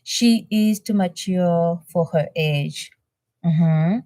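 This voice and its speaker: Hosting a live stream for her reaction channel, a woman from Benin with a low voice chats with viewers, reading chat aloud, offering warm thanks, and using lots of fillers. French is her first language. She draws out her words, and there's no echo.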